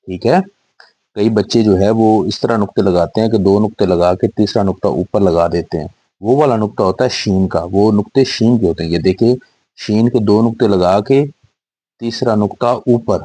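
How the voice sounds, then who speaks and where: A man with a low, mellow voice teaches small children, breaking each word into syllables and saying it again and again. His tone stays patient and steady. The recording is dry and close, with no room sound. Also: husky, no echo, rough recording. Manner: patient, repeats words syllable by syllable. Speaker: Urdu teacher for young children. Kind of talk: slow spelling-out lesson.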